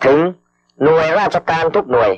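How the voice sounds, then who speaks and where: A man slowly dictating official government orders over radio, formal and measured, repeating each phrase and reading out the punctuation. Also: on the high side, animated. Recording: dull lo-fi archival radio broadcast.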